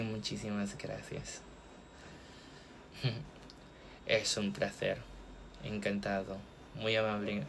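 Polite, low-voiced bank agent man. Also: gravelly, noisy background. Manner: polite and formal, with frequent thank-yous. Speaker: bank customer service agent. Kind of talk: role-played phone support call.

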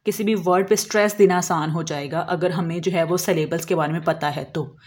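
A woman explaining a lesson as an English teacher, slowly drawing out example words and answering her own questions. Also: lowish voice, fairly even intonation, darkish tone, breathy edge. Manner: asks questions and answers them herself.

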